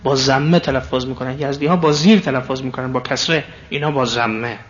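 A man giving a digressive lecture to an audience, stressing and repeating key phrases, sometimes speeding up when animated. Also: mid-range voice. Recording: dull lo-fi sound.

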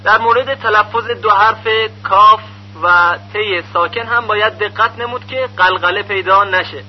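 High-voiced man teaching methodically. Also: slightly rough. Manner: methodical, patient explaining. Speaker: Quran recitation teacher. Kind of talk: instructional lesson. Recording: muffled lo-fi recording with faint hum.

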